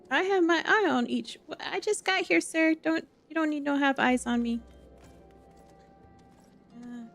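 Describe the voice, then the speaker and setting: A woman livestreaming a game chats casually and playfully, greets viewers, and reads game dialogue aloud. Her voice sits high and is a bit bright and gravelly, and she speaks a little slowly with long pauses. Faint music plays in the background.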